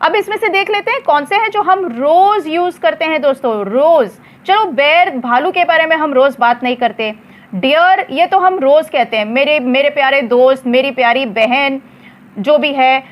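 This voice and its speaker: In a slow lesson, a woman with a high voice teaches English words, spelling each one out letter by letter and repeating it.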